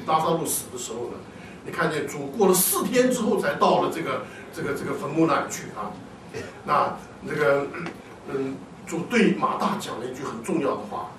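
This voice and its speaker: A man preaching a sermon to a congregation, animated, often asking his listeners questions and answering them himself. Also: high voice, slight background noise. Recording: echoey hall, distant mic.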